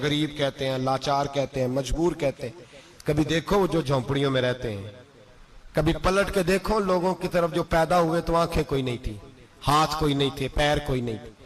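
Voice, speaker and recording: Male preacher with a high voice, impassioned storytelling sermon, climbs to loud exclamations. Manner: retells a story with emotional, rising exclamations.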